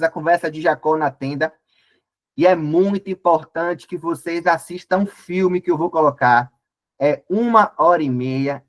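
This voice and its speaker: A man giving a casual, lively Bible study, acting out the scenes. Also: a little high. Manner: lively and colloquial, acts out scenes. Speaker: Bible teacher.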